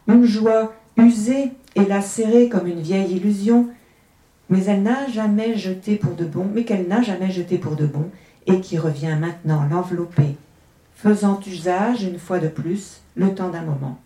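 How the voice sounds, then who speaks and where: A woman reading a literary tale aloud in a measured, hushed way, then commenting on it. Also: mid-range voice. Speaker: reader. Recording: echoey room.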